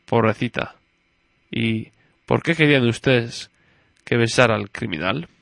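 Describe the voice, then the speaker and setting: A curious, eager little girl, as a man reading the story puts her on, full of innocent questions for her father. A colors her words. The delivery is slow and the sound dry and close. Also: mid-range voice, creaky, a bit bright, no echo. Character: curious, chatty little girl, judge's daughter.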